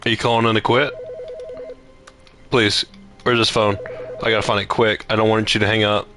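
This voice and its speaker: A man's voice: fairly low pitch, level tone, normal speed, sharp tone, soft background music. A man doing casual gameplay commentary, talking to himself and to the game as he plays. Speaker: gamer.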